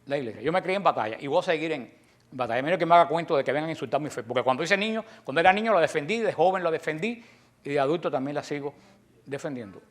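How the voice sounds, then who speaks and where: Emphatic Cuban man lecturing. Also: a little high. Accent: Cuban Spanish. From Cuba. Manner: emphatic, slows down and trails off softly at the end of key phrases; acts out quoted exchanges in lively storytelling. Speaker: apologetics teacher. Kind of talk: lecture to a class.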